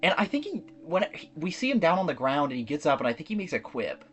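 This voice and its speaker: A man's voice: a little high, very animated, fast talker, a bit bright. A man co-hosting a podcast, casually recapping a movie plot with lots of fillers and restarts. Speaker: podcast co-host.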